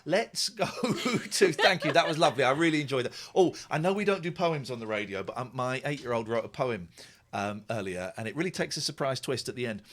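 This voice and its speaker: A man's voice: medium pitch, expressive, a little fast, a bit bright, slight background noise. A middle-aged man hosting a casual late-night phone-in, playful and teasing. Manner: playful, teasing, breaks into laughter. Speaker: radio host. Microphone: studio mic.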